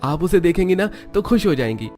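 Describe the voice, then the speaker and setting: A man's voice: sits high, big pitch swings, a little fast, a little mellow, faint music behind, voice pushed up. A man voicing an earnest young man who reassures and pleads, in a cartoon story. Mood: pleading. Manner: eager and pleading, raised voice.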